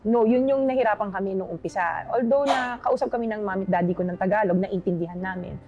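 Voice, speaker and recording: A woman's voice: medium pitch, fast talker, muffled recording, noisy background. A woman in her forties, a guest in a television interview, talking chattily and mixing in English phrases. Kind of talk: casual conversational interview.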